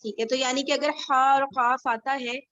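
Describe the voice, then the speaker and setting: A woman with a high voice leads an online study group, explaining each grammar point patiently and pausing often to check that everyone follows. She is from Pakistan. Her voice comes through dry and muffled, like call audio. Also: flat delivery, bright, forceful tone, dry recording, faint music behind. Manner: explains patiently, keeps checking understanding with "theek hai?".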